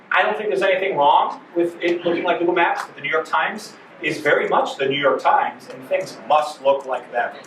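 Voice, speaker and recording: A man presents a conference workshop in a loose, chatty way that is full of fillers. His voice sits a bit high for a man. It is picked up from a distance in a roomy hall. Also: a bit bright, slight background noise. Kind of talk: conference breakout talk. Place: conference room.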